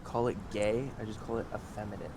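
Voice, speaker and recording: A man's voice: fairly low pitch, fairly even intonation, a little mellow, a little hiss or hum. Joking man in game-night banter. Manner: joking, quick to laugh. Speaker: player. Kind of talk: casual tabletop game banter.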